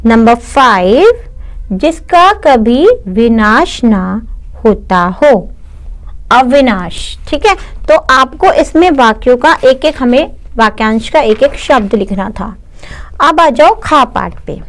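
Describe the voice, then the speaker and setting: A woman's voice: fairly high pitch, lively intonation, slow. A young woman teaching a class of young children, explaining patiently and often asking and answering her own questions, with English words mixed into her talk. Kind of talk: online class lesson for children.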